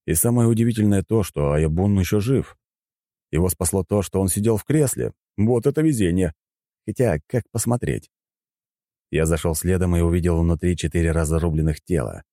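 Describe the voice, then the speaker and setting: A man narrating an audiobook in the first person with animated storytelling. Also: low voice, no room sound, clean studio sound.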